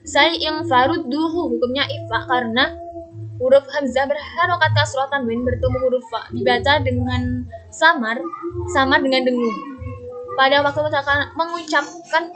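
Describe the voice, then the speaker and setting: A young woman student reading out a tajwid lesson, stating each rule in a steady, methodical way and stretching out the quoted words slowly. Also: sits high, poor audio. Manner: steady recitation-style explanation, drawing out quoted Quranic words slowly. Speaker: university student. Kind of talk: reading a recorded tajwid assignment.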